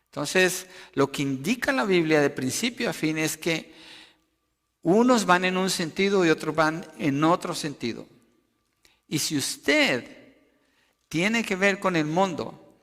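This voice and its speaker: A man preaching a sermon, emphatic, rising loud for quotations and dropping low to explain. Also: lively intonation, slow pace, in a large hall. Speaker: pastor.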